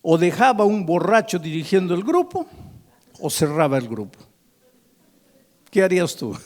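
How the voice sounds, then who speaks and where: A man from Peru preaching a sermon, animated as he tells a story and acts out its people. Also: sits high, normal speed. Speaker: pastor.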